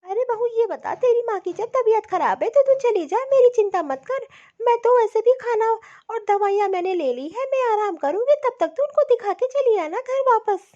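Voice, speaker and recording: A woman voicing a gentle, caring older mother-in-law in a cartoon story, talking softly and fondly. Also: very high voice, animated, normal speed, few pauses. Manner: soft, fond, soothing. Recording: dull lo-fi audio.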